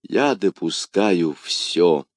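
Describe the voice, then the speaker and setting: A man voicing a grave musketeer who speaks low in a hoarse, restrained voice. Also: very animated, measured pace, darkish tone, no room sound, clean studio sound. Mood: grim. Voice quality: hoarse whisper. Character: grave older male musketeer, grim and restrained.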